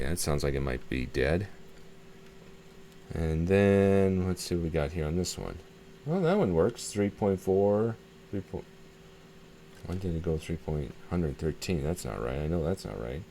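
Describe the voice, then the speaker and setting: Speaking a little slowly with long pauses, this man has a low, warm, animated voice. As a hobbyist video host demonstrating a radio repair, he thinks aloud in a casual, tentative way and repeats himself often, with background noise clearly audible.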